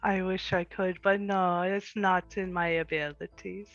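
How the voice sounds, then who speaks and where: A woman's voice: lowish voice, level tone, unhurried, muffled recording. A woman playing a tabletop game, talking casually in character with a caring, nurturing manner. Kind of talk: casual in-character role-play. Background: faint music.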